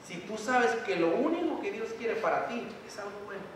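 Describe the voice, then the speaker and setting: A man's voice: high-pitched, very animated, moderate pace, noisy background. A man preaching an impassioned sermon, speaking straight to his listeners. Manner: impassioned, preaching in direct address. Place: church. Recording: echoey church hall, distant mic.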